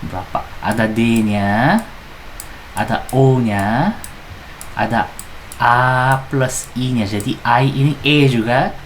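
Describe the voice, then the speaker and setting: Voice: mid-range voice, slow pace, a little hiss or hum, rough recording. A person teaching Korean pronunciation in a casual lesson, spelling out syllables carefully and adding chatty asides. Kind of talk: casual lesson explaining song lyrics.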